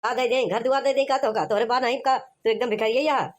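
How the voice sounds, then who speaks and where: A performer voicing a hot-headed young village man in a cartoon comedy, shouting threats in a rough Awadhi accent. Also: medium pitch, fairly even intonation, quick pace, lightly acted. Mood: threatening.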